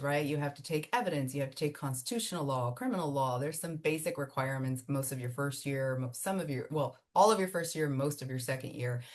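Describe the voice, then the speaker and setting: A woman from Miami whose first language is Spanish, an immigration attorney answering interview questions in a chatty, animated way with fillers and laughs. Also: sits low. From Miami, United States. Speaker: immigration attorney and law firm founder.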